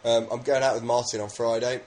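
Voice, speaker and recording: A man's voice: mid-range voice, level tone, quick pace, a little mellow, slight background noise. A man from England co-hosting a podcast in casual, rambling, jokey chat. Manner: jokey, rambling, with many fillers. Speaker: podcast co-host.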